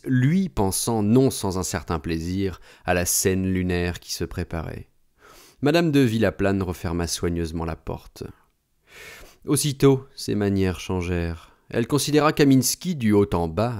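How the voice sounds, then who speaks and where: A man narrating a literary novel as an audiobook in a measured, expressive way. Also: on the low side.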